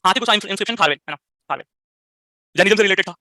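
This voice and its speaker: Rapid, sharp-voiced male teacher. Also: high voice, no room sound. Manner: fires rhetorical questions, frequent tag questions; mixes English phrases into Hindi. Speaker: history teacher. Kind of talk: live online class lecture.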